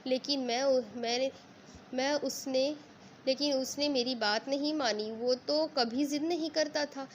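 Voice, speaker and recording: A woman's voice: sits high, fairly even intonation, unhurried, slight background noise. A woman reading a storybook, voicing a young woman who sobs and pleads in wild grief. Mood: grief-stricken. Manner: sobbing, pleading, breathless. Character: young woman grieving wildly, delirious.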